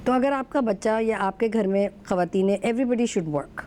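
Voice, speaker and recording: A woman speaking as a guest on a talk show, telling stories fluently and mixing Urdu with English. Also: a little high. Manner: fluent mix of Urdu and English, animated storytelling. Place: TV studio.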